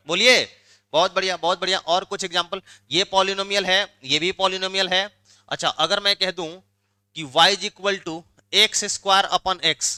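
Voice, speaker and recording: Bright, high-pitched math teacher. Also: male voice, clear, resonant tone. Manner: prods students for answers, repeats questions. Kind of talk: interactive classroom lecture.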